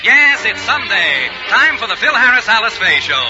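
High-voiced announcer on an old radio show. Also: male voice, big pitch swings, normal speed. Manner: formal, booming announcer delivery. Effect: old radio broadcast sound. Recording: dull, lo-fi vintage radio broadcast with music.

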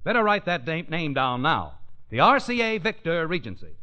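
A man's voice: fairly high pitch, huge pitch swings, normal speed. A man announcing a chipper 1950s radio advertisement in a polished, emphatic salesman's delivery. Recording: dull vintage radio broadcast, music behind.

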